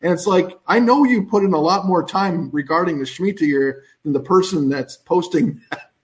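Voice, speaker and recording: A man's voice: sits high, normal speed. A man co-hosting a live stream, chatting in an amused, rambling way about viewers' comments. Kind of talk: casual live-stream chat.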